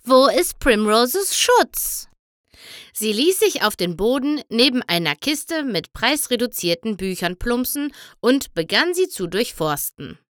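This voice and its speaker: Frau liest langsam und ausdrucksvoll vor. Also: female voice, on the high side, no room sound, studio quality. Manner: slow, expressive reading. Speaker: reader. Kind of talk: storybook narration.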